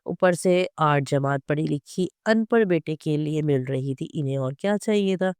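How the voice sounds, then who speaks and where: A storyteller reading a serialized novel aloud as scripted narration, steady and even. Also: medium pitch, moderate pace, clear, resonant tone, dry recording, studio quality.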